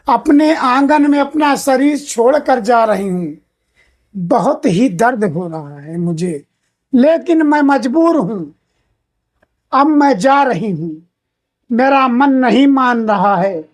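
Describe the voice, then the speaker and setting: A woman voicing the soul of an older wife saying a slow, repeated farewell to her husband in an emotional moral monologue. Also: high voice, darkish tone, full character voice. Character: departing soul of an older wife, tender, pleading.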